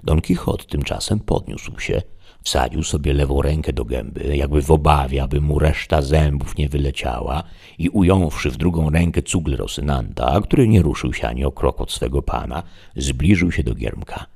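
A man narrating a classic novel as an audiobook in a measured, even reading. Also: very deep voice, creaky, husky.

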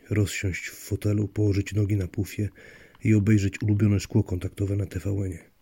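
A man's voice: lowish voice, dark tone, breathy edge, dry recording. A man narrating a story in a wry, dry storytelling manner. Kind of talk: audiobook narration.

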